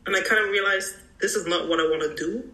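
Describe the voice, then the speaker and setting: A woman's voice: mid-range voice, quick pace, bright, forceful tone, reverberant, low-quality recording. A young woman from Belgium, a photographer, chatting fluently as a podcast guest with frequent ums. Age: young adult. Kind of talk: casual interview.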